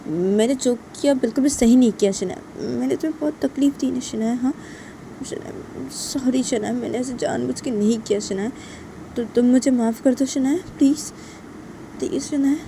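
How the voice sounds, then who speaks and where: A woman's voice: high voice, normal speed, gravelly, mellow, a little hiss or hum, pitched above the performer's own voice. A woman voicing a remorseful young woman who keeps pleading for forgiveness. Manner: pleading, repeating the other's name.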